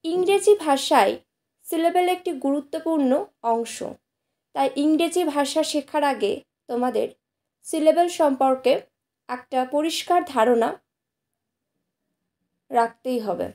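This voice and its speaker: A woman teacher speaks in a high voice with a soft, mellow tone. She explains each point patiently to her students, repeating and slowly sounding out example words. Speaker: English teacher. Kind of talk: slow explanatory lesson to students.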